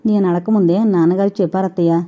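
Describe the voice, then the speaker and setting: A woman voicing a patient young wife who speaks softly and pleads. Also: on the low side, steady tone, fast, muffled recording, lightly acted. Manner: soft, pleading.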